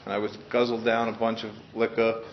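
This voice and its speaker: A man's voice: fairly low pitch, monotone, a little fast, slight background noise. A middle-aged man from Queens gives an earnest, heartfelt personal testimony to a group at a meeting, often restarting his sentences. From Queens, New York. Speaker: speaker sharing his story at a recovery meeting. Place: meeting room in front of a group. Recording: dull lo-fi sound.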